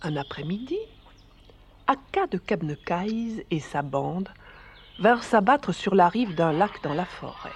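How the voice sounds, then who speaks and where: A narrator reading a story aloud for radio in a measured, expressive way. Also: medium pitch, husky.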